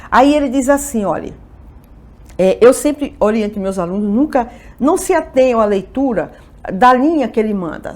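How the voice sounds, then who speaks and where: Female Portuguese teacher, fairly high voice, explains by asking and answering her own questions. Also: darkish tone. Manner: explanatory, poses questions and answers them herself; checks in often with "ok?" and "tá vendo?". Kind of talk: exam-review lesson.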